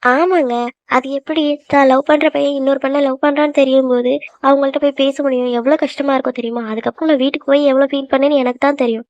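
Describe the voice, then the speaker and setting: A woman voicing a shy, sweet young woman in love in a cartoon, speaking gently and reassuringly. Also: sits high, fairly even intonation, fast, no room sound, lightly acted. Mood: hurt. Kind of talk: cartoon voice acting. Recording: dull lo-fi, dry.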